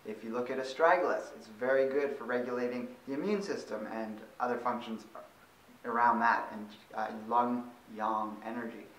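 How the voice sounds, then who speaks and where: A man's voice: mid-range voice, normal speed, a bit bright. A man talks through a tonic herb at his own pace, conversational and a little loose, correcting himself here and there. His voice sits in an ordinary middle register. The sound is roomy, picked up from some distance away. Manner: conversational, with fillers and self-corrections. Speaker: host of a longevity channel. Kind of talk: casual informative monologue.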